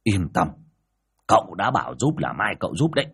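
A man's voice: low voice, big pitch swings, fairly quick, fairly bright tone, husky, full character voice. A man voicing a brusque, commanding male spirit master who gives blunt orders. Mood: firm. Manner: blunt, matter-of-fact orders.

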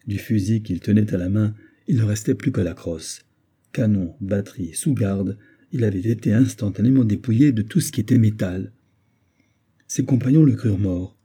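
A man narrating an adventure novel in a steady, measured audiobook reading. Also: fairly low pitch, husky. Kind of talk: scripted narration.

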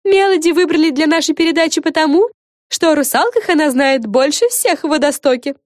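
A woman's voice: high-pitched, a little fast, no echo, clean studio sound, pitched above the performer's own voice, lightly acted. A woman playing a bossy fairy girl. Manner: bossy, emphatic exclamations. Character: bossy excitable fairy girl show host.

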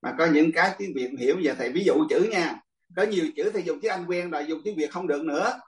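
A fast-talking older man with a fairly high-pitched voice, a monk, runs his class in a chatty, casual way, often breaking into laughter and addressing students directly. The room echoes and the mic is far off.

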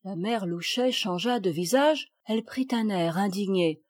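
A woman calmly reading a children's novel aloud as an audiobook narrator, in a measured way. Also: mid-range voice, no echo, studio quality. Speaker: audiobook reader.

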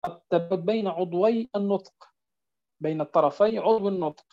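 A man teaching a Quran recitation lesson, repeating each point and often asking whether it is clear. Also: high voice, warm tone. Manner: drills words slowly, stretching them out. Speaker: tajweed teacher. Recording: dull lo-fi recording.

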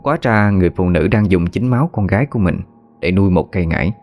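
Low-voiced man narrating a horror story. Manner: steady, measured storytelling. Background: faint background music.

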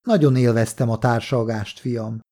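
A brash young soldier, breezy and teasing, tossing off quips, as the audiobook reader voices him. A mellow, warm-toned voice lifted into a livelier register. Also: male voice, mid-range voice, natural voice. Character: cocky young male soldier, joking and brash. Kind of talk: audiobook character voice.

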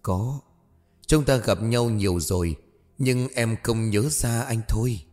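A male narrator voicing a gentle, mysterious young man who speaks softly and tenderly. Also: fairly low pitch, animated, normal speed, in a large hall, soft background music, close to an everyday voice. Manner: soft, hushed and tender.

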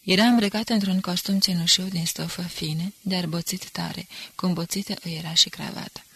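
A woman reading a novel aloud as an audiobook narrator, in a measured, even way. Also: on the low side, creaky, husky, dry recording. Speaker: audiobook reader.

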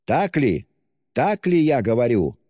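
A man voicing a drunk, excitable young man who shouts and gushes, fiercely self-abasing in a storybook reading. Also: fairly low pitch, measured pace, no room sound, clean studio sound, in a large hall. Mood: ranting. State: tipsy.

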